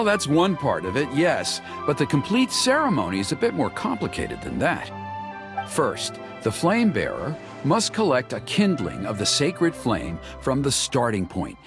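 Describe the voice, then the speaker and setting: Over music, a highly animated young tribesman earnestly explains a sacred ceremony in a video game voice acting performance.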